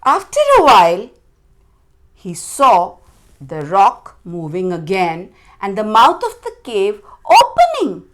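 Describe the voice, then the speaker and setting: Speaking at a medium pitch, a woman narrates a children's story with deliberate, expressive delivery, heavy on dramatic phrasing and emphasized words.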